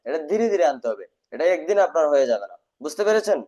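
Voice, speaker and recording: A man's voice: fairly high pitch, sing-song, very fast, warm tone. Stern man teaching a drilled online class. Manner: stern, drills words by repetition. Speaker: English teacher. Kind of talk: live online class lecture. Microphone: video call. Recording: dull lo-fi online class audio.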